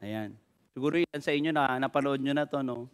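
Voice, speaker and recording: A Filipino pastor preaches an energetic sermon in church, repeatedly calling out to his congregation and switching freely between Tagalog and English. His voice is medium in pitch, clear and resonant, and he speaks fairly quickly.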